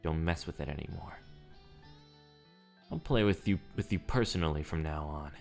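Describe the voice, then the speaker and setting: Low, stern taunting hunter read by a man. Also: normal speed, vocal fry, a little mellow, soft background music.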